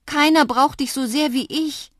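A woman's voice: medium pitch, expressive, a little slow, no echo, studio quality. A woman playing an anxious young girl who pleads eagerly. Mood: pleading.

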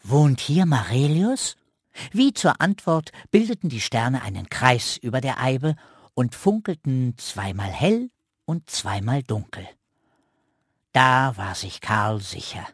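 A man narrates a children's radio story at an unhurried pace. His intonation rises and falls in a lively way. The recording is dry and close to the mic. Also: medium pitch, breathy edge, no echo. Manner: slow, expressive storytelling.

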